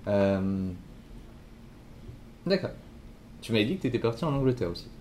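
A man hosting a podcast, asking relaxed questions in a casual interview at a hostel. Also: on the low side, normal speed, a little hiss or hum. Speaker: podcast host.

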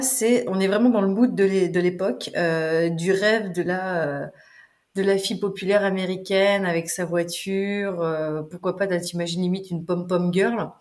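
A woman's voice: medium pitch, a little mellow. Woman co-host, casual and playful, chatty delivery. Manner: chatty and playful, translating lyrics with asides. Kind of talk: casual chat about song lyrics.

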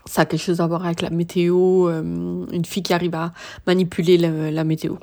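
A woman's voice: fairly low pitch, little pitch movement, fast talker, warm tone. A tired woman hosting a casual solo podcast, talking hesitantly with many filler sounds and restarts. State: tired, worn out. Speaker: podcast host.

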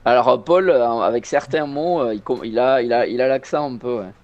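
A man co-hosting a relaxed podcast, with a regional French accent. He talks at an easy pace, stops often for fillers, and teases the other hosts. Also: mid-range voice, a little fast, dull audio. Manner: hesitant, many fillers, teasing. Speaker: podcast co-host. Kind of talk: casual podcast chat.

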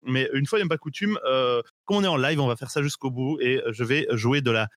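A man hosting a live improv show, explaining in a relaxed, rambling way with lots of fillers. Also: medium pitch, fairly quick, dry recording, studio quality.

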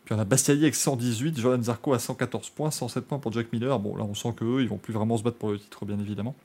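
A man's voice: medium pitch, steady tone, fast talker, a little mellow. A man hosting a motorsport podcast, chatting casually and joking, rambling with frequent restarts. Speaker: podcast host.

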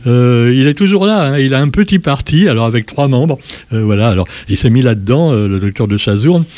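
A man from Réunion runs through the day's papers in an offhand, joking manner, full of asides. His voice sits at an ordinary middle pitch, and the recording is dry and close with no room sound. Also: expressive, fairly quick, a little mellow, dry recording. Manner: chatty and ironic, with asides and jokes. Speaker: press review host. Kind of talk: casual spoken press review.

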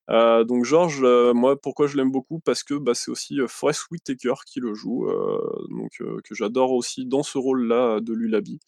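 A man's voice: mid-range voice, gravelly, a little mellow, no room sound, studio quality. Rambling man chatting on a podcast. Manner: rambling, many fillers and self-corrections. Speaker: podcast co-host presenting a film. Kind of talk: casual podcast chat.

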